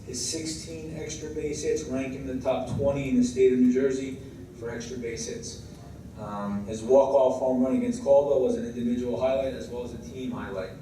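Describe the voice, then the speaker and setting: A man's voice: mid-range voice, steady tone, moderate pace, mellow. Echoey, distant American man giving a coach's speech. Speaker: high school baseball head coach. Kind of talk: semi-scripted tribute speech at an awards event. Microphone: distant microphone. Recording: very echoey room, distant mic, clear background noise.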